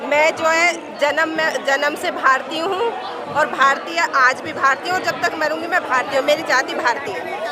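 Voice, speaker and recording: A woman protester answers a reporter with earnest declarations. Her voice is fairly high. Heavy crowd noise and racket surround her. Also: normal speed. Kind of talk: street interview answers. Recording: loud crowd and noise behind.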